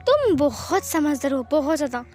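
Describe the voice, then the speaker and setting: Brief: a woman playing a teasing, wheedling young husband in a storybook, high voice. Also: big pitch swings, moderate pace, a little mellow, faint music behind. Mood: coaxing. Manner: wheedling, pleading. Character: playful, coaxing young husband.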